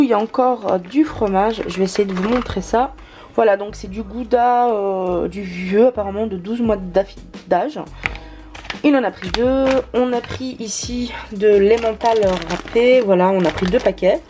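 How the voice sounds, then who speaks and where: Chatty woman with a mellow voice. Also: medium pitch. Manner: chatty, many hesitant fillers. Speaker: vlogger. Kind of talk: casual haul vlog.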